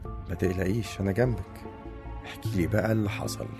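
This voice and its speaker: A man's voice: deep voice, steady tone, brisk, vocal fry, over music. A man with an Egyptian Arabic accent acting a troubled husband in an audio drama, reassuring his partner. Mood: worried. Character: worried husband recounting a strange attack.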